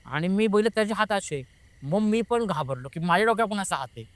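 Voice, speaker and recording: A man telling a frightening personal story as an interview guest, animated and often restarting his sentences. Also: high-pitched, no room sound. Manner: animated, rushes and restarts when retelling fright. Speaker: guest recounting a paranormal experience. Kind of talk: conversational storytelling.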